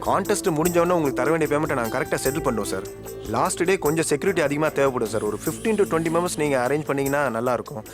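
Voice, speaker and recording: A polite, fawning organizer, played by a man who rushes through his lines and tags "sir" onto everything. A loud film score sits under his voice. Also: fairly high pitch, lively intonation, natural voice. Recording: film soundtrack with loud background music.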